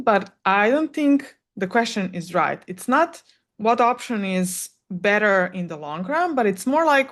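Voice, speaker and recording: Giving solo question-and-answer advice, an animation content coach from Serbia, a native Serbian speaker, works through her thoughts out loud. She has a medium pitch and speaks candidly, using lots of fillers.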